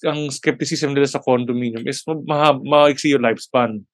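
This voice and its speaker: A man chatting casually as a podcast co-host, halting often to search for words and mixing in English phrases. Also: medium pitch, steady tone, dry recording, clean studio sound. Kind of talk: casual chat.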